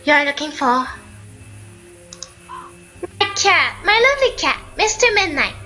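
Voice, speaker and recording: Woman reading an earnest young girl in a game, searching for her cat, bright high voice, slow. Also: very animated, faint music behind, exaggerated voice.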